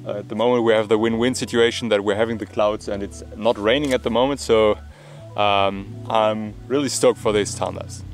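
A man's voice: fairly low pitch, steady tone, normal speed, soft background music. A man in his thirties, a time-lapse photographer, talking on location outdoors with frequent ums and restarts, the camera at arm's length. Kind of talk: travel vlog narration and on-location talk. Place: outdoors on rocky hillside.

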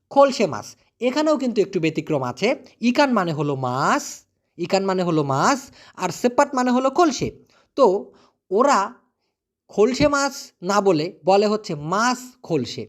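A man from Bangladesh giving a casual spoken language lesson. He repeats each word, asks his own questions and answers them, and drops in jokey asides. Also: sits high. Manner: lively teaching voice with jokey asides. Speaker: language teacher.

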